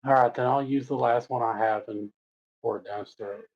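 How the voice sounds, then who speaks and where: A man speaks as a player in a tabletop game, plainly describing what his character does. The sound is dull and lo-fi, with his pitch at an ordinary middle level. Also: steady tone, normal speed. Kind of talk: casual chat at the game table. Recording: dull, lo-fi mic.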